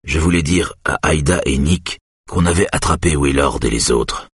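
A weary older father with a very deep, husky voice, speaking slowly and gently, as an audiobook narrator voices him. The sound is close and completely dry. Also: no echo, full character voice. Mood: grave. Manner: soft, tired, measured.

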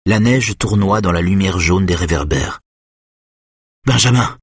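A man narrates a thriller audiobook in a measured, steady way. His voice is very low and husky, and it sounds close and dry. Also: no room sound. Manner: measured, steady present-tense reading.

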